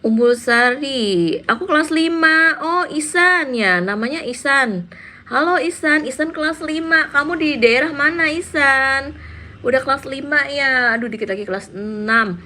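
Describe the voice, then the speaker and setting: A woman in her thirties talks casually on a live stream in a high voice, greeting viewers by name and answering their comments. She speaks at an unhurried pace, at home and chatty. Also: pushed and bright, a little hiss or hum. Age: 30s. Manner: chatty, reads out viewer names and answers them.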